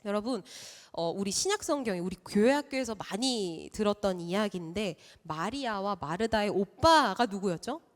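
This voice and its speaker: A woman's voice: mid-range voice, animated, moderate pace, few pauses. Woman preaching in a reverberant church. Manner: asks the congregation rhetorical questions. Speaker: junior pastor. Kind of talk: sermon. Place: church sanctuary. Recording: long reverb of a church hall.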